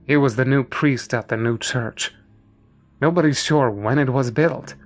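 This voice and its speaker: A man's voice: mid-range voice, unhurried, faint music behind, lightly acted. A man voicing a grim, serious older teenage boy in a horror story.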